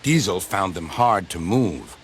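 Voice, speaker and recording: A man narrating a children's train story in a measured, expressive reading. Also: low-pitched. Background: music.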